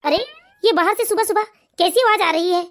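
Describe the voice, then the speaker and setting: An earnest grown son, voiced by a performer in an animated family story. He speaks quickly in a very high voice, with pleading and pressing questions. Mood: puzzled. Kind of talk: animated cartoon voice acting.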